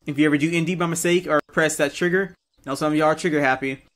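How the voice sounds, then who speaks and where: A man's voice: fairly high pitch, steady tone, fast, a bit bright. A man instructing trainees in a military roleplay game, directing and correcting them as he briefs. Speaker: military-sim drill instructor.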